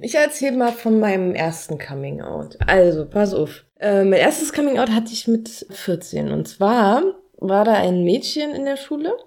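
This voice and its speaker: A woman in her thirties from Berlin, co-hosting a podcast and telling her story in relaxed chat with frequent laughs. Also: medium pitch, moderate pace, vocal fry, few pauses. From Berlin, Germany. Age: 30s. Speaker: podcast co-host.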